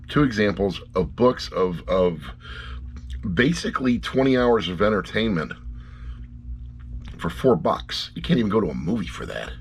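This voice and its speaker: This middle-aged man reviews audiobooks on camera, speaking in a lowish voice with a faint hiss or hum in the background. His review is casual and rambling, blunt and wry, and he often repeats phrases for emphasis.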